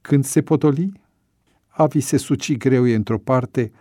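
A man narrating an audiobook story in a measured, even storytelling voice. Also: mid-range voice, dry recording, clean studio sound.

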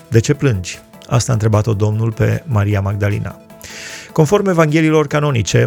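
A man reading Bible passages aloud and explaining them in a measured way, citing chapter and verse. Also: mid-range voice, vocal fry, darkish tone. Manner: measured reading with scripture references. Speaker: Bible teacher.

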